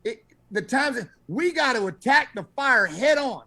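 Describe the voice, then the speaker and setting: A man's voice: very high-pitched, expressive, moderate pace, bright, forceful tone. A man, a fire instructor, giving emphatic, blunt training commentary over incident video.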